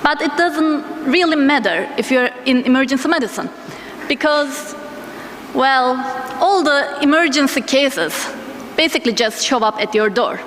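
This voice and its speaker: High-voiced woman lecturing with a sore throat. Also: lively intonation, normal speed, a bit bright. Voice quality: thick, strained sore-throat voice. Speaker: conference speaker, emergency physician. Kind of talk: conference lecture. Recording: echoey hall with noticeable background noise.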